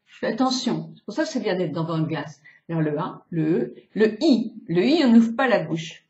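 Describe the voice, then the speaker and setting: A woman's voice: lowish voice, big pitch swings, moderate pace, a little mellow. A French beautician in her sixties giving a chatty, demonstrative face-exercise lesson, stretching out vowel sounds as she goes. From France. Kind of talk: casual face-exercise tutorial. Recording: roomy, slightly dull home video.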